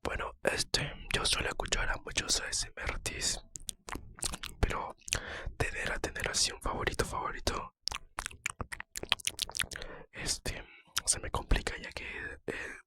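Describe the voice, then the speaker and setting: In a hushed ASMR whisper recorded right up against the microphone, a man casually responds to personal questions, pausing gently and uncertainly.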